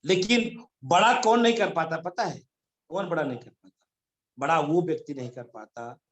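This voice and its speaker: A man giving an animated motivational talk over a video call, telling stories and calling on listeners by name. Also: on the high side, normal speed. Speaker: motivational speaker.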